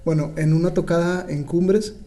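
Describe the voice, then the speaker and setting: A man, co-hosting a podcast and telling stories in an animated way, laughing often. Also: on the high side, normal speed. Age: 20s. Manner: animated storyteller, laughs often, many fillers. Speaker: podcast co-host. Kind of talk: casual podcast conversation.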